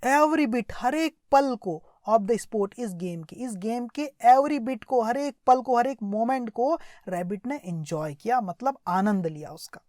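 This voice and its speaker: Her voice fairly high and darkish with lively intonation, an Indian-accented English teacher explains a story line by line. She translates, explains vocabulary, repeats herself, asks little check questions, and reads sentences out slowly; the recording is dry and studio quality.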